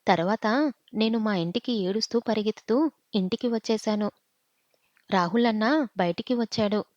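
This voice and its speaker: A woman's voice: medium pitch, moderate pace, darkish tone, no echo, lo-fi sound, natural voice. Woman voicing a frightened young girl witness.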